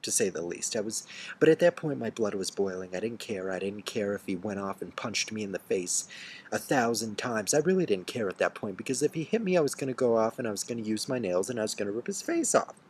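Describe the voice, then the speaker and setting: A man telling a bitter story in an angry rant, swearing and swinging from hushed seething to loud outbursts. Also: on the low side, expressive, quick pace, a little hiss or hum. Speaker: storyteller ranting to camera. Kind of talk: angry first-person rant.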